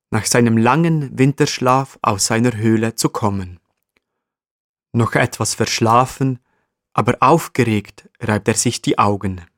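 A man narrating a children's story in a calm, evenly read way. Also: medium pitch, no room sound, studio quality.

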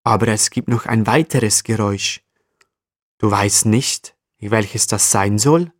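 A man narrating a children's story gently and speaking directly to the listener. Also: lowish voice, slow pace, no echo, clean studio sound.

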